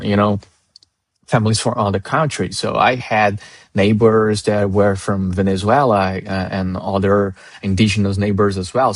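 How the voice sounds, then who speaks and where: In a casual interview chat, a native Portuguese speaker from northern Brazil rambles as the guest, restarting often and using many fillers. He has a Brazilian Portuguese accent and a voice on the low side, with no room sound.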